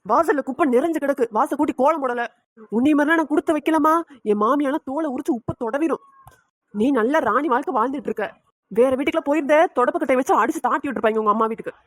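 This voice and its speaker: A woman's voice: fast talker, no echo, clean studio sound, natural voice. A woman voicing a nagging, sarcastic middle-aged mother-in-law in a cartoon. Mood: scolding. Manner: scolding, sarcastic, shrill. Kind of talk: cartoon voice acting.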